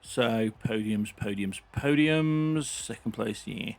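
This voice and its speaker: A man's voice: fairly low pitch, slow pace, vocal fry. A man giving casual, chatty running commentary while playing a racing game. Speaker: gaming channel host.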